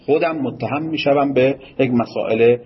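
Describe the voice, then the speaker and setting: Give me a husky man giving a seminary lecture. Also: mid-range voice, muffled recording. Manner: discursive, tells stories and laughs, polite formal phrases. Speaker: cleric teaching Islamic jurisprudence.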